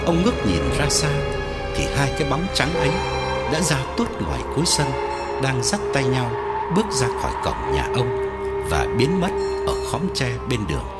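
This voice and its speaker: A man's voice: medium pitch, huge pitch swings, normal speed. A man narrating a ghost story audiobook with dramatic, sweeping intonation. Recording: loud background music.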